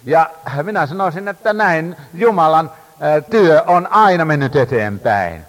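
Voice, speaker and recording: Male preacher, fervent sermon delivery with hesitant "äh" fillers; lively, somewhat high voice; long reverb of a large hall. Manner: impassioned, rising and falling emphasis, frequent hesitations.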